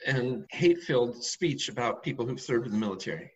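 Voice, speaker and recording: A man's voice: mid-range voice, fairly quick, dull audio. A man co-hosting a podcast, chatting casually and retelling events in a wry, opinionated way. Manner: wry, opinionated, relaxed storytelling. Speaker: podcast co-host. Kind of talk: casual chat.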